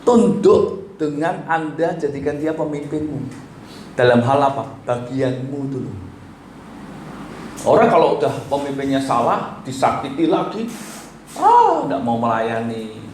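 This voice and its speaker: A man with an Indonesian accent preaches a sermon, pressing his points with rhetorical questions. His voice sits somewhat high for a man. The echoey church room carries a faint hiss behind him. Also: measured pace, darkish tone. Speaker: pastor. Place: church hall.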